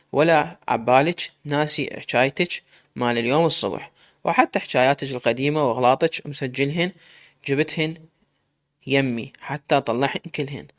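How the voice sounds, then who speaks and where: A man's voice: mid-range voice, brisk, natural voice. A man with an Iraqi accent reading the lines of a domineering, furious young husband, scolding harshly. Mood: angry. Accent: Iraqi Arabic. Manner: harsh, scolding through clenched teeth.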